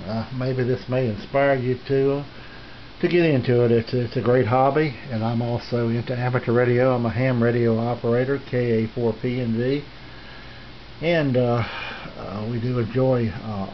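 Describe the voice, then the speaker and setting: A mid-range male voice belongs to an amateur radio hobbyist showing off his equipment in a casual, rambling video tour, halting and folksy. He speaks from behind a handheld camera in a small home radio room, and the camera's built-in mic gives dull, lo-fi audio with room noise.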